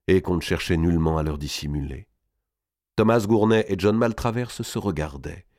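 Low-voiced man narrating, lively delivery. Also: no echo, studio quality. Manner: dramatic, measured narration. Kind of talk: audiobook reading of a historical novel.

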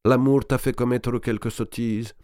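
A man reading aloud, voicing a shrewd, fatherly old banker who speaks slowly and calmly. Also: mid-range voice, no room sound, clean studio sound, pitched above the performer's own voice, lightly acted. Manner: slow, measured, calm.

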